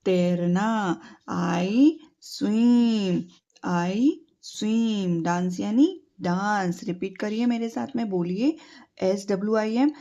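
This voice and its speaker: Woman tutor, very slow and repetitive, spells out words and quizzes, dull lo-fi sound. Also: medium pitch, dark tone. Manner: slow, drilling repetition with spelled-out letters and quiz questions. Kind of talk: teaching English verbs to children in Hindi. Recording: dull lo-fi home recording.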